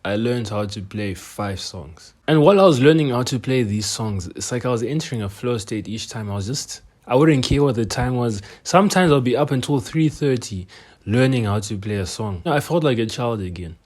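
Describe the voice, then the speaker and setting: A young man talking earnestly in a reflective personal monologue, his voice often trailing off softer at the ends of phrases. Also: mid-range voice, moderate pace. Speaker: self-improvement vlogger.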